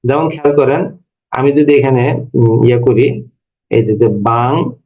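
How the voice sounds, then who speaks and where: A man's voice: mid-range voice, fairly even intonation, normal speed, warm tone, dull audio. A man in his thirties teaching a language lesson to a class, explaining step by step and asking his students questions. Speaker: Bengali language lecturer. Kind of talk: classroom lecture.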